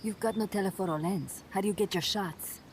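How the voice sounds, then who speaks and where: A woman playing a cool-headed young guerrilla who speaks low, quietly and wryly. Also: a little fast, slight background noise, close to an everyday voice.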